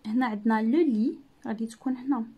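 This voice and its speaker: A woman teacher with a Moroccan Arabic accent, explaining exercises patiently, repeating words and sounding out French syllables slowly. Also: fairly high pitch, slightly rough, muffled recording. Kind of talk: classroom-style lesson narration.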